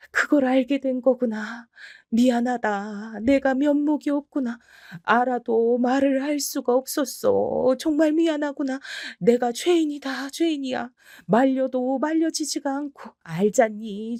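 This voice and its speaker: A woman voicing a remorseful elderly mother-in-law who apologizes in soft, halting sighs, in a dry recording. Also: sits high, no echo. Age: older.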